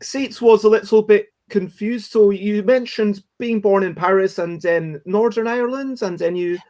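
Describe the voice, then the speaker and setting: A man with a high-pitched, darkish voice speaks at normal speed as host of a daily livestream chat show. He talks casually and rambles encouragingly, frequently correcting himself along the way.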